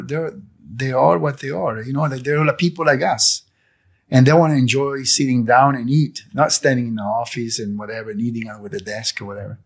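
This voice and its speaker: Impassioned husky man telling his story. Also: mid-range voice. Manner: impassioned, repeats words and restarts, grows loud when indignant. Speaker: cafe owner, interview guest. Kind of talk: emotional personal testimony.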